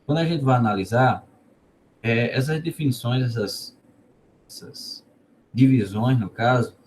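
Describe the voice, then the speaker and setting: A man with a Northeastern Brazilian accent leads an informal online class at an ordinary, mid-range pitch. He asks the students questions and repeats words while he explains. A faint background noise runs under his voice. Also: a little slow, a little mellow. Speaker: teacher of a cordel literature course.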